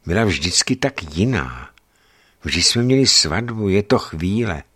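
A man's voice: low voice, big pitch swings, fairly bright tone, husky, exaggerated voice. A man reading an audiobook, voicing a distraught young husband who confesses earnestly. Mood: pained.

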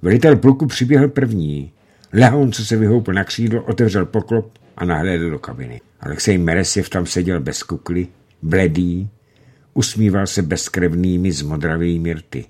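Low husky man reading a novel. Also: expressive, a little mellow. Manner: measured dramatic reading, slows for tension. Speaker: audiobook narrator. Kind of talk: scripted novel narration.

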